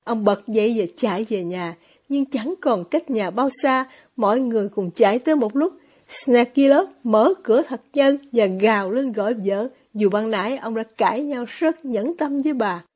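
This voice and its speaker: Husky high-voiced woman narrator. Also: normal speed. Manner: steady storytelling read. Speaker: audiobook narrator. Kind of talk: scripted novel narration.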